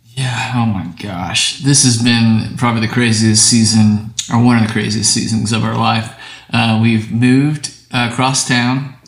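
A man's voice: mid-range voice, steady tone, a little slow. A man chatting casually and upbeat as a podcast co-host, his voice echoing around a big empty room. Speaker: wedding and portrait photographer. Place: empty home office.

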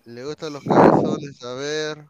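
A man chats casually on a stream. His voice sits a little high. He jokes and thinks aloud as he goes. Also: a little slow, muffled recording, a crowd in the background. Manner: relaxed, jokey, thinking aloud while browsing. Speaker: stream host. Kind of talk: casual chat.

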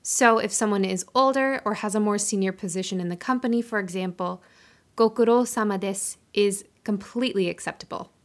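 Podcast host woman teaching Japanese phrases. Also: medium pitch. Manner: careful, slow syllable-by-syllable pronunciation of Japanese words. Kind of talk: scripted podcast intro and language tip.

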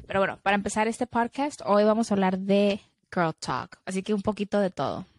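A woman's voice: mid-range voice, fairly quick. Chatty young woman co-hosting a podcast. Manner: chatty, mixes in English phrases. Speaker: podcast co-host. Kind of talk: casual chat.

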